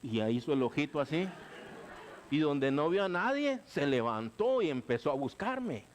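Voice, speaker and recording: A middle-aged male pastor, preaching a sermon with lively, conversational asides. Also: fairly high pitch, moderate pace, slight background noise. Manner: animated preaching, keeps saying "hermano", acts out quoted voices.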